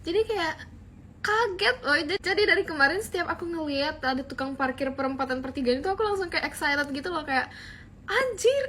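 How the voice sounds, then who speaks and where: A woman's voice: high-pitched, brisk, a bit bright, slight background noise. A young woman from Bali telling a chatty, slangy comic story. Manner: chatty, playful slangy delivery. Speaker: comedy skit creator. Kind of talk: comic school skits and storytime.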